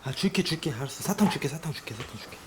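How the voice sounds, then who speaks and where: A man hosting a comic ghost-hunting vlog indoors in a house, bantering and swearing at an unseen ghost, going from hushed to shouting. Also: on the high side, animated, racing, background noise. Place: indoors in a house on a home visit.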